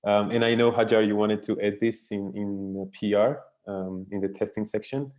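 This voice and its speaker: A soft-spoken man leading a video call meeting, hesitant and full of fillers. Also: fairly low pitch, steady tone, normal speed. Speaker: meeting facilitator.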